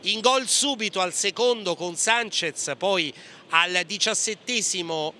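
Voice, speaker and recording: High, bright male match commentator. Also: a little slow. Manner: clipped running play-by-play, naming players pass by pass, with hesitations. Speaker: sports commentator. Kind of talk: live futsal match commentary. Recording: gym ambience with clear background noise. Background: indoor sports hall sounds, bouncing ball.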